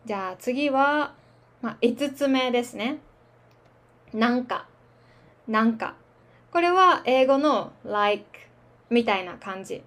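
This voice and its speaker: Woman, Japanese teacher, slightly high voice, unhurried, casual, chatty. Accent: standard Japanese. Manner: relaxed, chatty, laughs at her own filler words. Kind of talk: slow casual language lesson.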